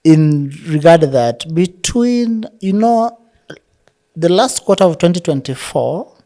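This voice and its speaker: Woman podcast co-host, very low mellow voice, measured rhetorical delivery. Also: animated. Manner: measured, rhetorical, speech-like phrasing. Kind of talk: political discussion podcast.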